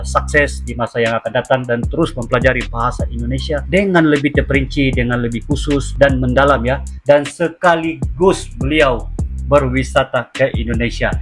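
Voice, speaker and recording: A man's voice: medium pitch, normal speed, fairly bright tone. A man giving wordy, repetitive reaction commentary as a video host. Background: faint music.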